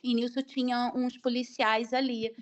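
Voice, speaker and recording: A woman's voice: fairly high pitch, level tone, measured pace, slight background noise. A woman telling a dramatic personal testimony, acting out the dialogue as she goes. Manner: vivid retelling that acts out the dialogue. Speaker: guest sharing a testimony. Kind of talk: emotional personal storytelling.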